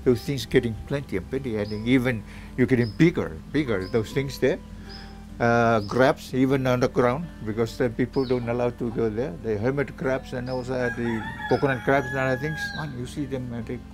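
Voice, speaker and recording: Halting older man. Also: mid-range voice, steady tone, soft background music. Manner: halting, repeats himself. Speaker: village elder. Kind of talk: casual interview. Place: open porch outdoors among palms.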